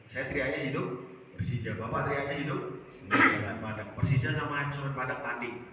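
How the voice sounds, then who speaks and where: Man preaching in an echoey prayer hall. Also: a little fast. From Jakarta. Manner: asks the congregation questions and answers them himself; rises loud on key words, drops low at line ends. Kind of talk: dawn prayer sermon. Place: small prayer house. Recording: echoey, distant, dull sound with faint noise.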